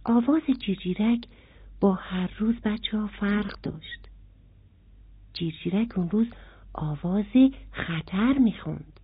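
A woman narrating a children's story in an animated way, speaking to the children directly. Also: medium pitch, husky. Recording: dry, phone-like sound.

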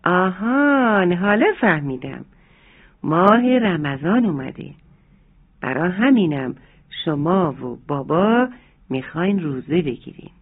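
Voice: mid-range voice, sing-song. A narrator voicing a sweet, obedient little girl in a children's story, asking polite, wondering questions. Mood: curious, sweet. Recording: narrow phone-like sound, faint music.

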